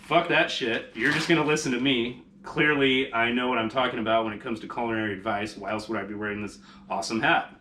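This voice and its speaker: This man talks fast in a bright, forceful mid-range voice with fairly even intonation, and slight background noise is present. Working in his home kitchen for a casual cooking vlog, he demonstrates as he goes, swearing heavily and sarcastically.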